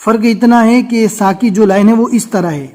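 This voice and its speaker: A man with a fairly high voice teaches the letters one by one. He talks slowly and patiently and repeats each letter again and again for beginners. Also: mellow. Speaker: Urdu reading teacher.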